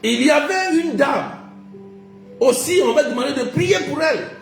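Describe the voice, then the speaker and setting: A man's voice: extremely high pitch, animated, normal speed, creaky, reverberant, soft background music. A man preaching a sermon as pastor, emphatic and repetitive, asking the congregation whether they understand.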